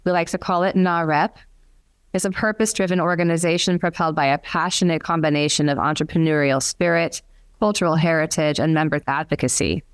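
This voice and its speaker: A woman moderating a symposium panel and reading out speaker introductions. Her voice is smooth and slightly low, and her delivery is polished and scripted. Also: fairly even intonation, a little fast.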